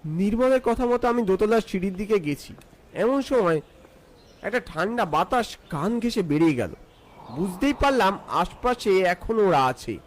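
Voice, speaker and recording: A man's voice: high voice, expressive, moderate pace. A man narrating a scripted first-person ghost story in a theatrical, suspenseful way.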